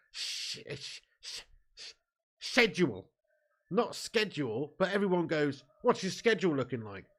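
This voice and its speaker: A cheeky young Englishman with a slightly high, somewhat bright voice hosts a live football watch-along. He banters constantly, reads out viewer comments, and laughs often.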